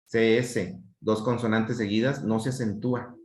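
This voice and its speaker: A man's voice: lowish voice, flat delivery, moderate pace, a little mellow. Mexican man teaching grammar, echoey room. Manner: explains patiently, repeats checks like "¿sí?" and "¿sale?". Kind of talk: online class lesson.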